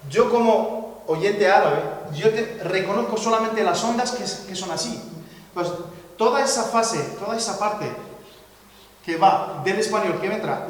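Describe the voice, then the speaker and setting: A man with a slightly high voice gives an academic lecture at a seminar, conversational and rambling, with frequent fillers and restarts while he draws on a board. The hall is echoey with a long reverb, and there is slight background noise.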